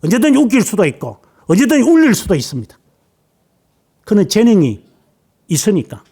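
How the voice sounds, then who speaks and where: A middle-aged man preaching a sermon as pastor, firing rhetorical questions at the congregation and swinging from a raised voice down to hushed near-whispers. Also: high-pitched, huge pitch swings, brisk, slightly rough.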